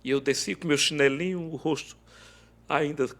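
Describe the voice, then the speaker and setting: A man telling an emotional faith testimony as a podcast guest, acting out every quoted line of dialogue. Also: normal speed. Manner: animated, acts out quoted dialogue with big swings in pitch and loudness.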